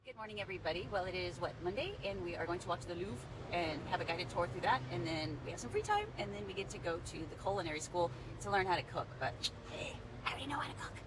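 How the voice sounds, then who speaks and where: A woman with a lowish voice chats casually to a handheld camera, narrating her trip. She is upbeat and loose, with plenty of fillers. Faint music plays behind her. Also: quick pace, hardly any pauses, poor audio. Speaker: travel vlogger. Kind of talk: casual travel vlog narration.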